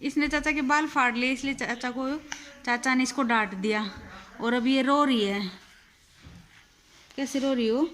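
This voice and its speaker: A woman with a somewhat high voice chats her way through a casual daily vlog. She speaks straight to her viewers and turns playful and coaxing with her toddler. She is recorded at home. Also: fairly even intonation, moderate pace, a bit bright. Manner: chatty, addresses viewers directly. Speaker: vlogger. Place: family home.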